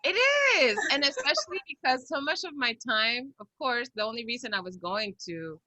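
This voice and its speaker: Bright, enthusiastic woman hosting an interview. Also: on the high side, very animated, moderate pace, dry recording. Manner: effusive, encouraging. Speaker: show host, interviewer. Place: home room with bookshelves. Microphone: computer on a video call.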